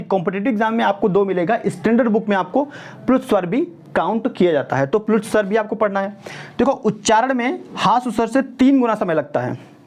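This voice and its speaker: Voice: mid-range voice, darkish tone. A teacher giving an exam-prep lesson, stretching out vowel sounds to demonstrate them, slipping in English words and often checking that the class is following. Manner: keeps checking in with "ठीक है" and "clear है?"; mixes English words into explanations. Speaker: Hindi grammar teacher.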